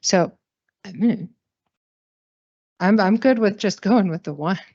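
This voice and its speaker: A woman's voice: mid-range voice, slow pace, warm tone. A woman faculty senator and surgeon, candidly asking questions at a meeting in an auditorium. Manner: candid, slightly self-deprecating. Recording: dry, dull lo-fi sound.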